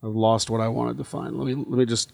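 A man's voice: mid-range voice, level tone, fast talker, gravelly, a little mellow, no room sound, clean studio sound. A man co-hosting a podcast, chatting casually and thinking aloud with many fillers and restarts. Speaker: podcast co-host. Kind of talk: casual chat.

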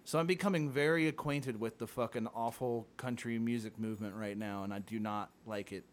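Podcast co-host, man, rambling and sardonic, mid-pitched, faint hiss behind. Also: steady tone, brisk. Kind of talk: casual podcast chat.

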